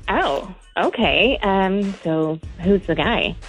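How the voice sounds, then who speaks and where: A woman's voice: mid-range voice, animated, takes it slowly, faint music behind, low-quality recording. A woman in her twenties on a call to a radio show, talking bluntly with sarcasm and plain exasperation. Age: 20s. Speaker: caller.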